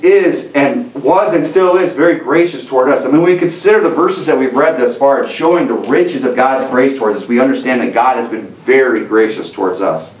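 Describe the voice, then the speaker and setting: A man in his thirties preaches from a lectern, talking in an earnest, conversational way full of restarts. His voice sits at a middle pitch and carries the echo of a church room, picked up from a distance. Faint room noise hangs behind him. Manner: earnest, conversational, many restarts and "you know"; stands at a lectern gesturing with both hands. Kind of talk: sermon. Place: church sanctuary, indoors, medium room. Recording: roomy church audio from a distance.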